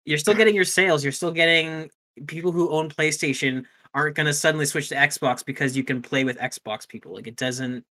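This is a man co-hosting a gaming podcast in relaxed, conversational talk. His voice is bright and forward. He swears casually and keeps breaking off mid-thought to start again. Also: fairly high pitch, a little fast. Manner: loose, swears casually, trails off and restarts. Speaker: podcast co-host. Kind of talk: casual gaming news chat.

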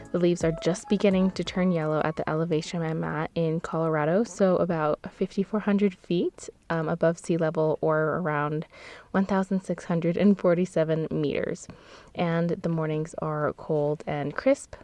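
A woman's voice: on the low side, steady tone, moderate pace, darkish tone, soft background music. A woman hosting a casual podcast from inside a clothes-padded closet, chatty, laughing often and correcting herself as she goes. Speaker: podcast host. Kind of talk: casual seasonal podcast chat. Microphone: close microphone.

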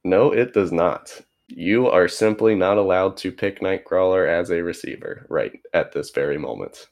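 A man co-hosting a podcast, calmly matter-of-fact as he explains the rules. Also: sits low, normal speed, vocal fry. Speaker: podcast co-host. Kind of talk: casual chat.

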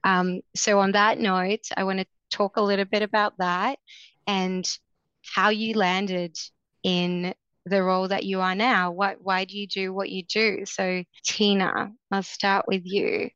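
A woman moderating a panel discussion, measured and encouraging as she hands questions to the guests. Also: mid-range voice, level tone, a bit bright, clean tone, no room sound, highs cut off. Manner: measured, encouraging, frequent fillers.

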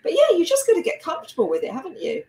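A woman's voice: very high voice, wildly swooping pitch, very fast, dark tone. A woman with a slight South London twang, hosting a casual interview in a chatty, laughter-prone way. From lived a long time in South London. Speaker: interview host. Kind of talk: casual video-call interview. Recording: roomy echo, faint background noise.

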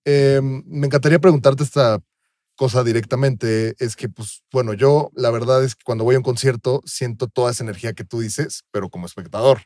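A man's voice: medium pitch, steady tone, a little fast, a little mellow, dry recording, studio quality. A man with a Mexican accent, hosting a podcast, asking rambling, hesitant questions. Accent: Mexican Spanish. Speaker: podcast host. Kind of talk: casual interview chat.

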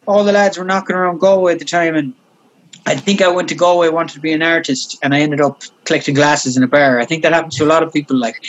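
A man's voice: a little high, steady tone, fast talker, dull audio. A man with a west of Ireland accent telling casual anecdotes as a guest, rambling and repeating himself, with some swearing. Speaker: podcast guest, comedy actor.

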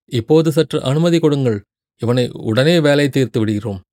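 A man's voice: mid-range voice, moderate pace, a little mellow, no echo, studio quality, lightly acted. A man voicing a servile male palace guard who speaks deferentially, offering excuses in a storybook reading. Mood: defensive.

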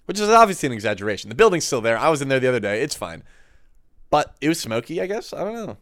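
A young man co-hosting a podcast, chatting casually with wry, deadpan asides. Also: medium pitch, fast. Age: young adult. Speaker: podcast co-host, college resident assistant. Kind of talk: casual chat.

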